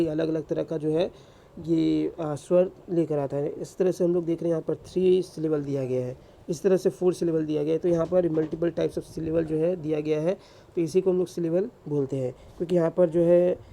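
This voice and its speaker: A man's voice: a little high, creaky, warm tone, a little hiss or hum. A man teaching English grammar in a classroom-style lecture, asking rhetorical questions and answering them himself.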